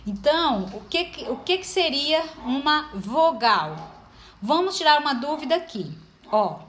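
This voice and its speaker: A woman's voice: sits high, very animated, a little slow, fairly bright tone, a little hiss or hum. Patient woman teaching a class. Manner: patient, explains step by step, many fillers. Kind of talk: informal classroom lesson.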